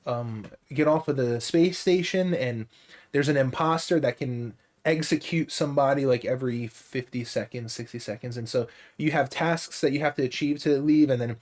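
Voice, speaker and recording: A man's voice: medium pitch, moderate pace, a little mellow. A man co-hosting a casual podcast, talking at length with many restarts and fillers. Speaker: podcast co-host. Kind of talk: casual chat.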